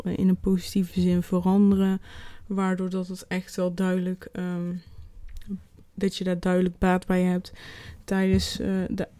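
Mellow, soft-toned woman vlogging at unhurried pace. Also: mid-range voice, no room sound. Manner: halting, pausing mid-sentence to search for words. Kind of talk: casual vlog recounting an experience.

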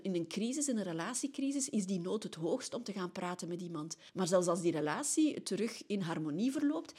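A woman's voice: mid-range voice, a little mellow, slightly rough. A middle-aged woman with a Flemish accent, talking earnestly as a podcast host in a reflective personal monologue and often ending phrases with a little questioning tag.

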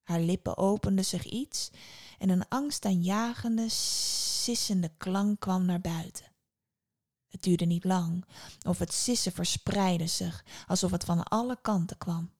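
A woman narrating a fairy tale for a podcast, expressive, slowing down and dropping to a hush in tense moments. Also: lowish voice. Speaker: storyteller.

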